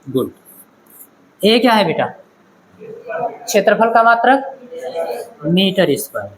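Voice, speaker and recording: A man's voice: high voice, very animated, takes it slowly, a little hiss or hum, low-quality recording. A man teaching a physics class in a classroom-lecture style, asking questions and checking that the students follow. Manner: questioning, checks understanding, calls students "beta".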